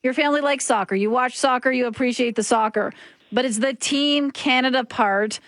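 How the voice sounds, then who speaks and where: A woman's voice: high-pitched, normal speed, a bit bright, no room sound. A woman hosting a morning radio show in a studio, upbeat and emphatic, often repeating words. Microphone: studio microphone.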